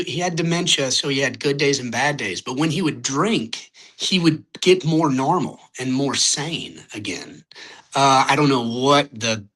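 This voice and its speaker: A young man from Louisiana, United States, speaks with a Louisiana accent as a singer-songwriter guest on a podcast. His medium-pitched voice is a bit bright, and in this casual interview chat he rambles slightly and searches for words.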